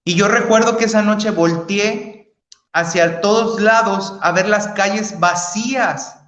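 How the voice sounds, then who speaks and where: A man's voice: sits high, unhurried, fairly bright tone. A man giving an earnest religious testimony, speaking to listeners as brothers and sisters. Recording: roomy echo.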